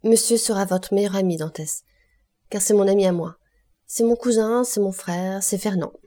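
Woman reading a devoted young lover, earnest and emphatic, mellow tone. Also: mid-range voice, moderate pace, lightly acted. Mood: warm. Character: young woman in love, steadfast, proud. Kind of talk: audiobook character reading.

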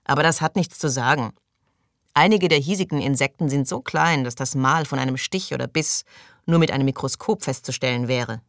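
A man reading an audiobook, voicing an irritable, pompous male colony doctor who speaks loudly and defensively. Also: mid-range voice, fairly quick, vocal fry, no room sound, studio quality. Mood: indignant. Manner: indignant, loud, defensive.

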